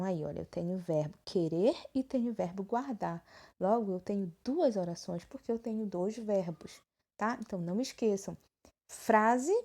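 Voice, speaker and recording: Recorded via phone screen capture, a Brazilian Portuguese-accented woman walks through a grammar lesson in an explanatory way, frequently checking on her students. She speaks on the high side, with a warm tone.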